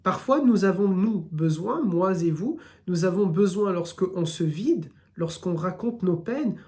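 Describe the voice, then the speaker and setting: Here the southern French Islamic teacher has a high voice with lively intonation, a measured pace and a slightly mellow quality. Leading a live religious lesson, he speaks straight to listeners and stacks up his ideas in repeated lists.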